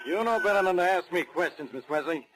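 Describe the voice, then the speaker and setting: An actor playing a gruff, irritable police inspector in a 1940s radio crime drama, commanding and accusatory. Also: male voice, high voice, lively intonation, fast talker, over music, low-quality recording. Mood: stern. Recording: vintage 1940s radio recording.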